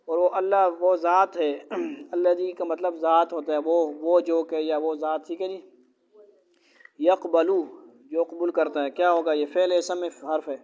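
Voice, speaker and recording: A man's voice: fairly high pitch, flat delivery, darkish tone. Man teaching the Quran to a class, lo-fi. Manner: recites Arabic quickly, then explains slowly in Urdu with questions to the class. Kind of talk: Quran translation and grammar lesson to students. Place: classroom with students. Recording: dull lo-fi classroom recording.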